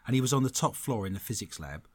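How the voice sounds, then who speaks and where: A man hosting a paranormal show, narrating ghost stories dramatically and dropping into hushed tones, with some banter. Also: mid-range voice, expressive, fast, no room sound. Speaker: host of a paranormal quiz show. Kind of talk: scripted ghost-story narration mixed with banter.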